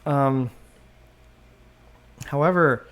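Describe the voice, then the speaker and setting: A man hosting a solo podcast, thinking out loud and often trailing off and restarting mid-sentence, into a desktop microphone. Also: medium pitch, extremely slow. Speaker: podcast host. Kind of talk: rambling solo podcast monologue. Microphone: USB desktop microphone.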